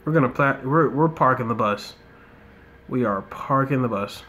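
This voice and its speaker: A young American man gives relaxed commentary on a mobile football game he's playing in an indoor room, muttering asides and occasionally ranting. His voice is medium-pitched and his pace moderate.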